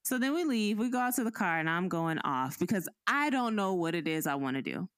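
A woman with a low voice tells a story in relaxed podcast chat. Her pitch swings widely as she acts out each person in it. The sound is close and dry, with no room echo. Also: a little fast, clear, resonant tone. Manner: animated, acts out the people in the story. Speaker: podcast cohost.

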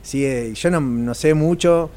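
A man's voice: fairly high pitch, measured pace. A young Argentine man, a racing driver guest, telling anecdotes and acting out the dialogue. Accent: Argentine Spanish. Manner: animated storyteller, acts out dialogue. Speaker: race car driver guest.

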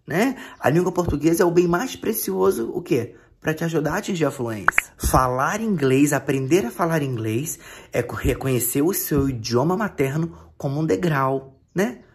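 A man's voice: on the high side, expressive, moderate pace. A man with a Brazilian accent giving a casual, playful English lesson, repeating phrases and switching between Portuguese and English. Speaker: English teacher.

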